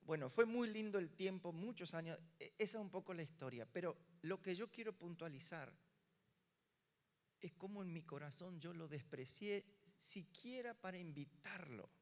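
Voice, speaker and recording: An older Argentine pastor with a Rioplatense Spanish accent preaches from the pulpit and acts out each voice in his story. His voice sits a little high for a man. The room's long reverb trails after his words. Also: moderate pace. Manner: animated storyteller acting out dialogue. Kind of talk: sermon storytelling.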